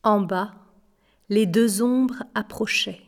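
Slow, measured woman reading a story. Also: mid-range voice. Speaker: audiobook narrator. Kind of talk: scripted narration of a novel.

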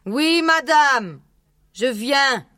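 A man reading aloud and voicing a fat, fussy female cook, in a slow falsetto. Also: lively intonation, sharp tone, dry recording, clean studio sound, full character voice. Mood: fussing. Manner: slow, sing-song falsetto.

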